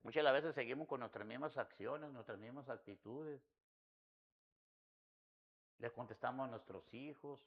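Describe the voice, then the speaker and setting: A man's voice: mid-range voice, moderate pace, pauses often, highs cut off. A man preaching an earnest sermon to a congregation, often calling his listeners "my brother.". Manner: earnest, addresses listeners as "mi hermano".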